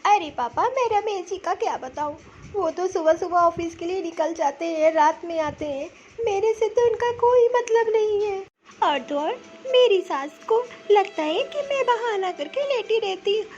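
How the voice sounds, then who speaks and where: A woman's voice: very high-pitched, normal speed, a little mellow, muffled recording, slight background noise. A woman voicing a sick, tearful young married woman pleading with her father in a cartoon story. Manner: weepy, complaining. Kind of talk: cartoon voice acting.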